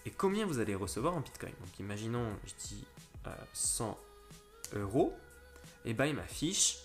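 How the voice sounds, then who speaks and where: A man hosting a casual step-by-step tutorial, talking viewers through an app with frequent restarts. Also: medium pitch. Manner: step-by-step, fillers and restarts, addresses viewers directly. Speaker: crypto tutorial host.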